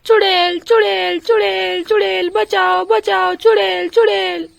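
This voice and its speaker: A woman voicing a frightened village sister-in-law in a doll storybook, with high, panicked cries. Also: little pitch movement, measured pace, gravelly, fairly bright tone, dry recording, heavily acted. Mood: terrified.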